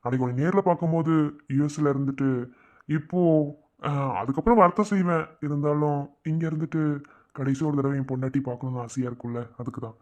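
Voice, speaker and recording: A man's voice: fairly high pitch, fast, dull audio, lightly acted. A man voicing a young husband in a cartoon love story, teasing his wife and then reassuring her in a coaxing way. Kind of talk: cartoon voice acting.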